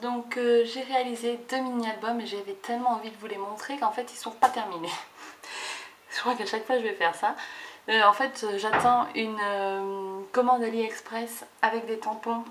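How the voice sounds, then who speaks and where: A woman's voice: fairly high pitch, steady tone, normal speed, fairly bright tone. A woman chatting casually while showing her scrapbooks, hesitant with many fillers and restarts. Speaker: scrapbooking vlogger. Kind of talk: casual show-and-tell.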